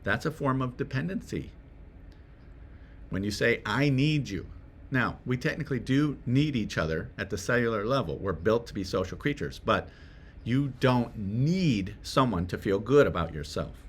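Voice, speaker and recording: With slight background noise behind him, a man from a Swedish family background delivers a motivational talk to camera, casual and full of rhetorical questions and "right?" check-ins. His medium-pitched voice moves with lively intonation at a normal speed.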